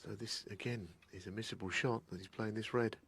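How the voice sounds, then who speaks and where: Deep, husky man giving snooker commentary. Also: steady tone, fairly quick, a bit bright. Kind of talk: hushed, conversational live snooker commentary.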